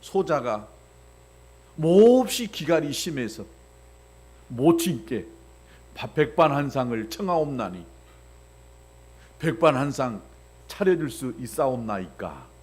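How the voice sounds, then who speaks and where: A man's voice: mid-range voice, big pitch swings, slow, long pauses, a little mellow, pitched below the performer's own voice. A man voicing a ten-year-old boy who begs his mother for food in stiff, overly ceremonious old-style court speech. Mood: mock-solemn.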